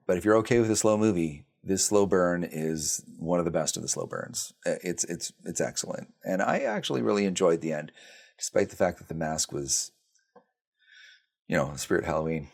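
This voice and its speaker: A man with a very low voice running through quick film reviews. He talks casually, with plenty of ums, restarts and dry sarcasm. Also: lively intonation, creaky, darkish tone. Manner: blunt, sarcastic, with frequent fillers and restarts. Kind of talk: casual spoken movie reviews.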